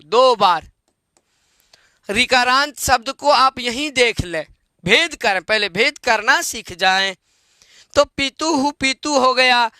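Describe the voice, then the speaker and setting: A male Sanskrit teacher giving an online grammar lesson. He repeats word forms, quizzes his students with questions and chants the declensions slowly in a sing-song way. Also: very high voice, sharp tone, clean tone, dry recording, clean studio sound.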